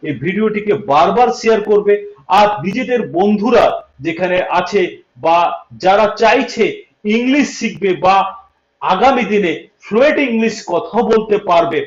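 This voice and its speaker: Male teacher, livestream lesson: high voice, repeats points and quizzes listeners, in a roomy, lo-fi recording. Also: normal speed. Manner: repeats points, checks understanding with questions. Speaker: English teacher. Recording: echoey room, dull lo-fi sound.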